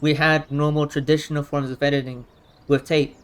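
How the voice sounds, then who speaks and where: A man's voice: fairly high pitch, flat delivery, a little fast, clean tone. A man giving unscripted, argumentative commentary in a blunt, rambling way. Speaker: reaction commentator.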